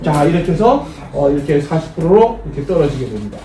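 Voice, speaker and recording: A man teaching an English lesson to a class, repeating phrases slowly and cueing the group to answer back. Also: a little high, very animated, mellow. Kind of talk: classroom lecture with call-and-response drills. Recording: echoey room, distant mic, faint noise.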